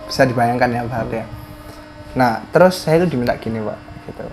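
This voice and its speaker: A man's voice: medium pitch, a little fast, noisy background. A man, a guest telling a story in casual talk, hesitant and full of fillers and restarts.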